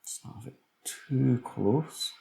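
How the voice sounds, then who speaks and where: A man's voice: medium pitch, slow, gravelly, dark tone. A man casually commentating a city-building game, musing aloud as he builds, tired late at night. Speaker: let's play commentator.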